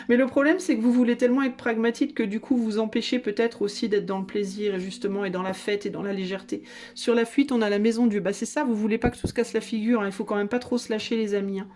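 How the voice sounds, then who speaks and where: A woman's voice: fairly high pitch, steady tone, fast talker, darkish tone, slight background noise. Playful chatty woman reading tarot. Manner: playful and chatty, laughs often, teasing. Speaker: tarot card reader. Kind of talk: casual tarot guidance reading.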